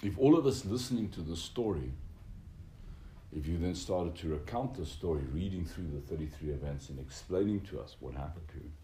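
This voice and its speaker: A man with an extremely deep, mellow voice delivers a reflective, unscripted lecture. His phrasing is donnish and formal, with searching academic hesitations. The room is echoey. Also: lively intonation, fairly quick. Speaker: religious teacher lecturing a group. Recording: roomy echo with background noise.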